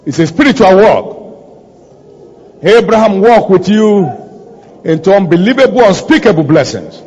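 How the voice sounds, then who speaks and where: A man's voice: high voice, expressive, normal speed, a little mellow, husky. A man, preaching and praying aloud as a pastor, with fervent declarations and repeated phrases. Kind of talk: sermon and prayer. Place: large church hall. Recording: dull sound with long hall reverb.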